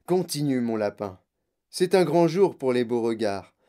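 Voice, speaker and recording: A woman's voice: rumbling low, lively intonation, unhurried, mellow, voice pushed down. A woman voicing a proud, blustering father who barks orders, in a storybook reading.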